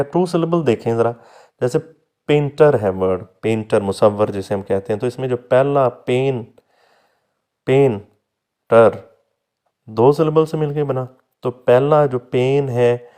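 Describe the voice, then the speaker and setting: This is a man giving a recorded lecture at a very unhurried pace. He explains patiently, step by step, sounding out example words slowly and addressing his students fondly as "beta", at an ordinary middle pitch. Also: dark tone. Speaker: teacher.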